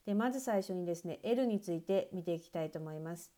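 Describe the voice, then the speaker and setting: A woman gives a patient pronunciation lesson, pausing often with fillers as she explains. Her voice is mellow and warm. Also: on the low side. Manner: patient, many fillers and "desu ne" pauses. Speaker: English pronunciation teacher.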